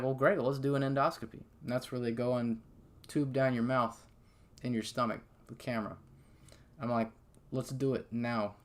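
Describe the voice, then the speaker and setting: A man casually telling the story of his own health problems in an animated, conversational way, full of fillers like "okay?" and "like". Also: medium pitch, vocal fry. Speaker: patient sharing his story. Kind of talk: casual first-person storytelling.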